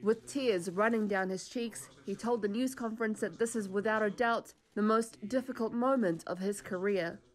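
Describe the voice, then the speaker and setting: A woman delivers scripted news narration as a reporter. Her voice sits at a middle pitch for a woman. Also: normal speed, few pauses, rough recording.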